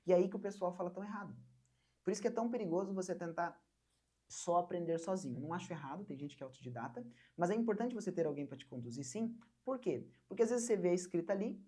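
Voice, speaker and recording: A young woman from Brazil teaching an online English lesson, patiently repeating words slowly for learners to copy. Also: on the low side, animated, warm tone, breathy edge.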